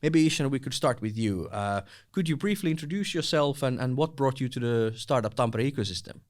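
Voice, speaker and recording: A man's voice: medium pitch, expressive, brisk. A man hosting a podcast interview, framing his questions in a rambling way and repeating words as he goes. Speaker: podcast host.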